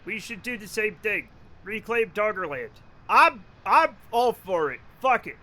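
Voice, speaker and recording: The voice is high, expressive, pushed and bright, and a little slow. It belongs to a Rhode Island livestreamer chatting casually while gaming, who rambles, jokes, curses freely and laughs often.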